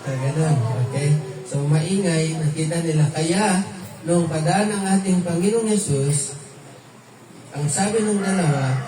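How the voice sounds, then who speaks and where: A man teaching a verse-by-verse Bible study, quizzing his listeners with light laughs and mixing in English phrases. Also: high voice. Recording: echoey room, mic far off, noisy.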